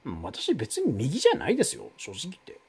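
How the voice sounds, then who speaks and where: A man's voice: wildly swooping pitch, quick pace, a little mellow, husky. A man hosting a live stream, chatting casually with viewers and reading their comments, rambling with many fillers. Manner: rambling, many fillers, wide swings in pitch.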